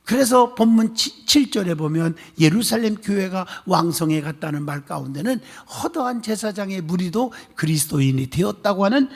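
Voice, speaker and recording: A male pastor preaching a sermon, telling a story with animated gusto and calling on the congregation for amens. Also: high-pitched, moderate pace, gravelly, few pauses. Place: church sanctuary. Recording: long church hall reverb.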